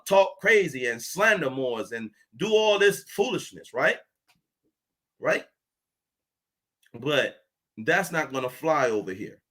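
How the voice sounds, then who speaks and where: A man with a high, forceful voice rants angrily straight at his listeners, swearing freely and hammering the same phrases over and over. His tone stays confrontational and tense. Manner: ranting, profane, confrontational, repeats phrases. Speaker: channel host. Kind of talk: angry monologue to camera.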